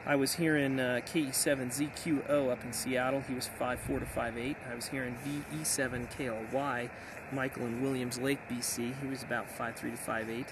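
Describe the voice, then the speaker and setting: A middle-aged American man, an amateur radio operator vlogging outdoors in hilly backcountry, gives an enthusiastic, casual summary. His mid-range voice has little pitch movement, and he talks fairly quickly with hardly any pauses. Outdoor noise sits behind his voice.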